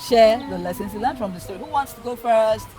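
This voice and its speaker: A fast-talking woman with a slightly high voice and a Nigerian accent tells children folktales in her role as an educator, music playing in the background. Her style is teacherly, full of repetition and questions.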